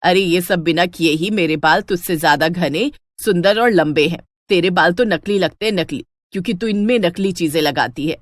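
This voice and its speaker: A woman's voice: normal speed, hardly any pauses, dry recording, clean studio sound, close to an everyday voice. A woman voicing a scolding jealous mother-in-law. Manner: scolding, shrill when angry. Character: jealous proud middle-aged mother-in-law.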